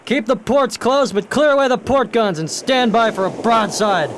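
An actor playing a brutal, hot-tempered pirate captain in a period radio drama, barking threats and orders. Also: male voice, very high-pitched, expressive, normal speed, background noise. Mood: menacing, commanding.

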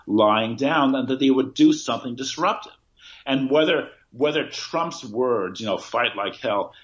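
A man speaking as a guest over a thin, metallic-sounding remote call connection, talking haltingly with lots of restarts and repeated fillers. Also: mid-range voice, a bit bright. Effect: tinny, metallic-sounding call connection. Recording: tinny lo-fi remote call line.

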